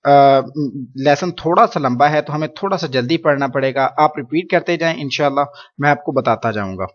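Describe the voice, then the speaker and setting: A patient male teacher leads a Quran reading lesson in a somewhat high voice. He explains the rules, then slowly draws out each syllable so learners can repeat after him. The recording is dull and lo-fi.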